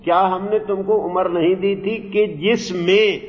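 A man teaching Quranic Arabic grammar, reciting verses slowly and then explaining them in translation. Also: sits high, fairly even intonation. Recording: dull lo-fi recording in a reverberant hall.

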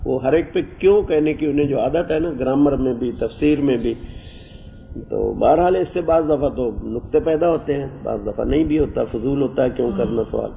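A man teaching a class on Quranic Arabic. He explains the grammar at length, wanders off topic, and recites verses slowly. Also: medium pitch, gravelly. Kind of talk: classroom lecture on scripture and grammar. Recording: muffled lo-fi classroom recording with faint hiss.

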